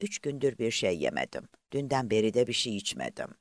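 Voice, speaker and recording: A man's voice: lowish voice, big pitch swings, a little fast, no room sound. A man voicing a starving young castaway woman. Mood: weary.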